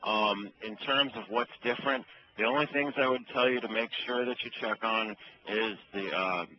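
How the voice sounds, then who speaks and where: A man with a fairly low voice gives customer-service explanations by phone. He is matter-of-fact and instructive, and the line is dull with some faint noise. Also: normal speed. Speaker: electronics store employee. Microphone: telephone.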